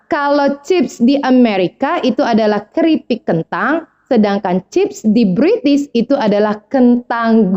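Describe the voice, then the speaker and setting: A woman's voice: on the high side, mellow, muffled recording. A woman teaching a casual video lesson, chatting to viewers and answering her own questions. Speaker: English teacher.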